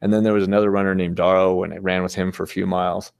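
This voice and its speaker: A man's voice: sits low, flat delivery, very fast, vocal fry, darkish tone, clear, resonant tone, no room sound. A man giving a casual, rambling talk with slides, easygoing and chuckling often. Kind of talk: casual storytelling presentation with slides.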